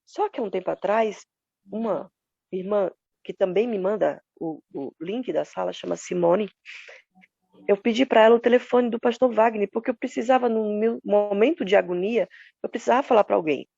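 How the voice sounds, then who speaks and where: Grieving woman testifying at church, earnest, gravelly and husky, dull lo-fi line. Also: mid-range voice, moderate pace, mellow, dry recording. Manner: earnest, retelling dialogue with quoted prayers. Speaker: church member giving a testimony. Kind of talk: emotional personal testimony.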